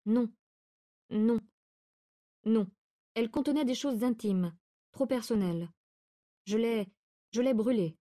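Brief: a hesitant, trembling wife under a spell, read by a woman, soft and high, storybook reading. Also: slow pace, long pauses. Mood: flustered. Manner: hesitant, trembling, near tears. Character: anxious young wife, pleading under hypnotic command.

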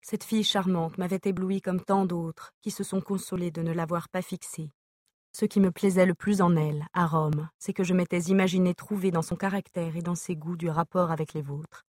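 Low-voiced woman reading letters aloud. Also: fairly even intonation, moderate pace, darkish tone, no room sound, clean studio sound. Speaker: audiobook reader. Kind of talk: reading an epistolary novel aloud.

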